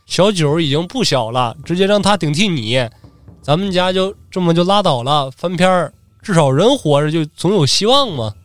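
A man's voice: animated, moderate pace, no room sound, lightly acted. A man voicing an old samurai's wife who wails and scolds her husband. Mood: scolding. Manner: scolding, shrill and wailing. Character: nagging wife of an old samurai, about sixty.

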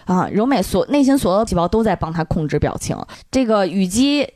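A woman hosting a podcast retells a webtoon plot with playful energy and acts out the characters along the way. Her pitch moves a lot, and she sits close to a dry, close mic. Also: brisk, no room sound. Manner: animated, playful narration with acted quotes. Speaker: podcast host.

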